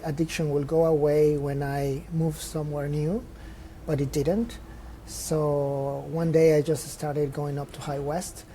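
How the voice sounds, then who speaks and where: A man's voice: on the high side, dark tone, slight background noise. A young man from Mexico, a trail runner guest in a casual interview, talking openly and reflectively with restarts as he thinks. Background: faint chatter of people nearby.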